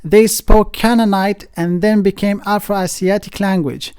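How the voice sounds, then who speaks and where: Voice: medium pitch, steady tone, unhurried, darkish tone, clear, resonant tone. A channel host from North Africa giving an informal explanatory talk, partly read aloud, hesitant, with frequent fillers and restarts as they explain terms.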